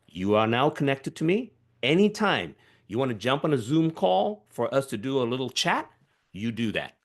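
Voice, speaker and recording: A man from Malaysia, giving an emphatic, animated panel talk over a video call, with frequent restarts. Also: a little high. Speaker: panel speaker.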